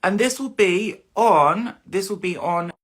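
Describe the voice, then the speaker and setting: Woman, British, hoarse voice, casual live-stream chat, chatty host. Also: mid-range voice, measured pace, rough recording. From United Kingdom. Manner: chatty, laughs often, fiddles with tech while talking. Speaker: podcast host. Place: dressing room at home.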